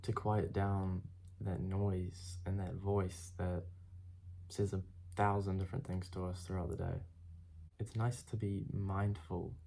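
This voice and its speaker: A man's voice: deep voice, vocal fry, warm tone, slight background noise. A young man with a congested, stuffed-up voice gives a blunt, casual motivational talk straight to the camera, swearing freely. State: congested from a cold. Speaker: self-improvement vlogger.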